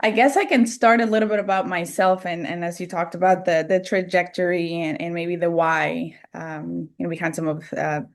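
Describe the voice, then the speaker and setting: A woman's voice: lowish voice, steady tone, normal speed, few pauses. Earnest Colombian-born woman panelist. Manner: earnest, many fillers and restarts. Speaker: panel guest. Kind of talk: panel discussion.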